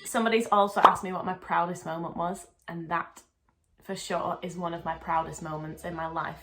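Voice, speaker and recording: Young woman, casual Q&A vlog, low-ish pitch, cheerful, laughs easily. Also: poor audio. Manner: chatty, upbeat, laughs often. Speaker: dancer and choreographer.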